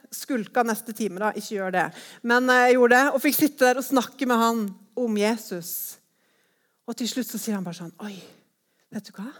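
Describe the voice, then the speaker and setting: Her story comes out as a spirited personal testimony, with the woman, whose voice runs a bit high, performing her own thoughts as if quoting them.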